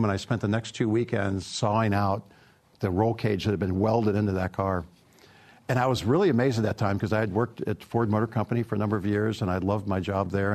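A middle-aged man, a car company product executive, answering interview questions in a relaxed, storytelling way with plenty of fillers. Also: fairly low pitch, gravelly.

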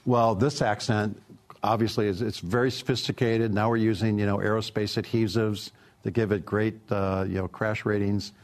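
This middle-aged car company product executive speaks in a lowish voice at a normal pace. Fielding interview questions, he drifts into easygoing stories full of filler words.

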